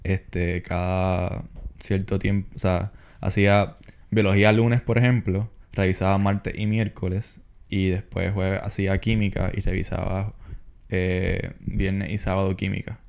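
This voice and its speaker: A young man, co-hosting a podcast and calmly explaining his study plan. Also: low-pitched, measured pace, creaky, smooth. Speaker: podcast co-host. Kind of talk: casual advice chat.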